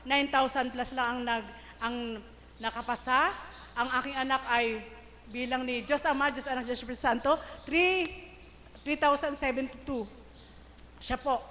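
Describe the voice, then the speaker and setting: A woman's voice: high-pitched, steady tone, moderate pace, pauses often, pushed and bright, slight background noise. A middle-aged woman giving an emotional spoken testimony to a congregation, laughing often and calling out to the crowd. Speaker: church member giving testimony. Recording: live stream in a reverberant hall.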